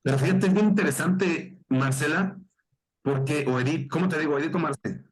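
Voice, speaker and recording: A man with a Mexican accent, a pastor leading a Bible study, who reads verses slowly and stops to explain them and question his listeners. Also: a little high, husky, poor audio.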